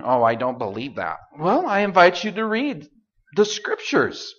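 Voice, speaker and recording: A man preaching a sermon in an animated, joking way, putting questions to the congregation. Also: high-pitched, unhurried, muffled recording. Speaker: pastor.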